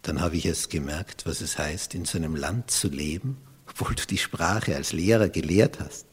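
A man with an Austrian accent preaching a sermon as pastor, swinging from loud emphatic peaks down to hushed near-whispers. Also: low voice, moderate pace, slightly rough, long reverb tail.

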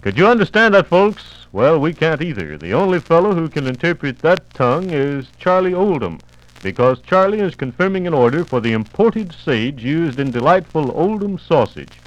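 A man's voice: a little high, big pitch swings, moderate pace, muffled recording. A man announcing a 1950s radio commercial in a folksy, jokey way, on an old disc recording.

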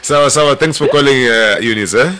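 A man's voice: mid-range voice, a little fast, background noise. A man with a Kenyan accent hosting a casual live call-in radio show, playful and often repeating his phrases. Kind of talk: casual live call-in show chat, mixing Swahili slang and English. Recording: loud music behind the voice. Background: loud music.

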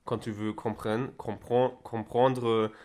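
A young man from Germany with a German accent touched by Spanish, speaking broken, halting non-native French in a casual interview, often repeating and searching for words. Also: mid-range voice, flat delivery, a little mellow. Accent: German with Spanish influence. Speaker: interviewee recounting travels.

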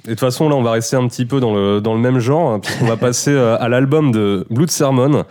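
A French-accented man hosts a casual music podcast. He introduces records hesitantly, with many fillers. His voice sits at a middle pitch for a man. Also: fast, darkish tone, a little hiss or hum. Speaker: podcast host.

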